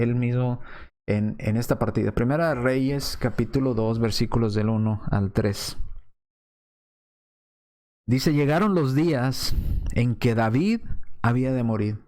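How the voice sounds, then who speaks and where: A man preaching a sermon in an earnest way, often pausing for rhetorical check-ins with the congregation. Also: medium pitch, darkish tone.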